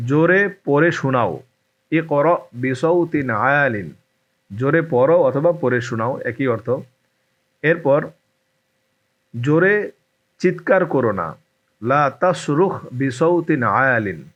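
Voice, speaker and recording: Male language tutor, very slow and deliberate, repeats every phrase, dull lo-fi recording. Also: medium pitch, expressive, fairly bright tone. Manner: says each phrase twice, then gives its meaning. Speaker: Arabic language teacher. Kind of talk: slow, repetitive language lesson.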